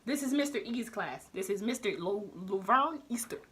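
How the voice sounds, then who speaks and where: A young woman vlogger telling a slangy, animated storytime while doing her makeup. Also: mid-range voice, normal speed, slightly rough. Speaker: beauty vlogger.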